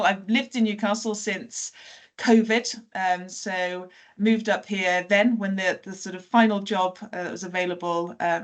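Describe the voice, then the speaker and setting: Chatty woman guest, casual storytelling. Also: mid-range voice. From South Wales. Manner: chatty, many fillers and self-corrections, light laughs. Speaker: teacher and podcast guest.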